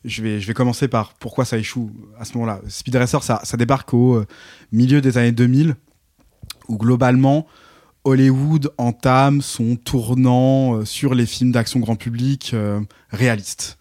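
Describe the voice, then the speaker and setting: A man in a casual film discussion, explaining carefully and pausing to find his words. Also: medium pitch, steady tone, darkish tone. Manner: thoughtful, searching for words.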